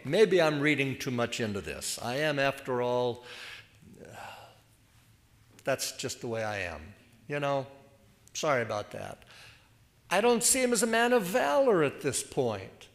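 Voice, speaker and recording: An older man preaching in a church, reading scripture and musing aloud in a conversational, wry way with self-deprecating asides. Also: medium pitch.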